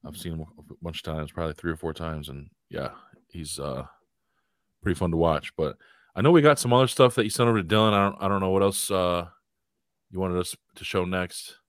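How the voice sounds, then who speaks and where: A man hosting a podcast in casual chat, relaxed and steering the talk, with loose filler phrases. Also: low voice, fairly quick, dry recording, studio quality. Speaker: podcast host.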